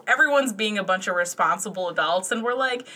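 A woman's voice: medium pitch, brisk. A young adult woman telling a casual anecdote as a podcast guest, acting out the dialogue as she goes. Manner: animated, acts out quoted dialogue.

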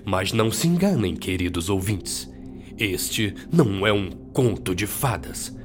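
A man narrating an audio drama in a slow, playful storybook manner, his pitch swinging widely for drama. Soft music plays behind him. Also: expressive.

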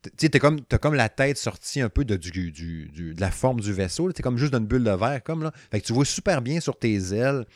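A young man with a Quebec French accent chats about a game he is reviewing. He rambles excitedly, with lots of slang and restarts. His voice is recorded very dry and close. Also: medium pitch, brisk, no room sound. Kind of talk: casual gaming chat.

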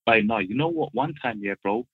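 A man's voice: lowish voice, lively intonation, fairly quick, slightly rough, no room sound. A young man with a London roadman accent, telling stories casually in street slang and repeating himself for emphasis. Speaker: guest phoning in. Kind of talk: casual chat, storytelling. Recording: muffled, tinny phone line.

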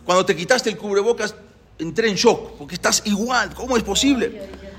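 A man's voice: sits high, moderate pace, fairly bright tone, pitched above the performer's own voice. A man voicing an elderly grandfather who insists on staying with his injured granddaughter. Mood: astonished. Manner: insistent, pleading.

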